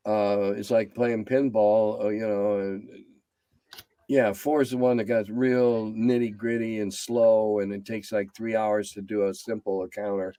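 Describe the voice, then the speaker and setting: He talks a little slowly in a level tone, a blunt, rambling game designer in his 70s chatting as an interview guest. As he wraps up, his voice drops low and quiet. The recording is dry.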